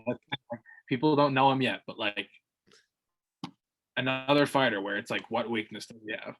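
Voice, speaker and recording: This combat sports podcast co-host talks through fights in loose, casual chat, with a mid-range, slightly bright voice at a moderate pace. He rambles, restarts sentences and plugs the gaps with fillers.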